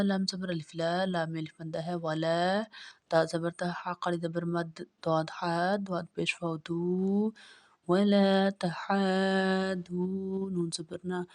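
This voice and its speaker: A woman Quran reading teacher, spelling out words letter by letter in a slow, careful, drawn-out way. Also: lowish voice, darkish tone.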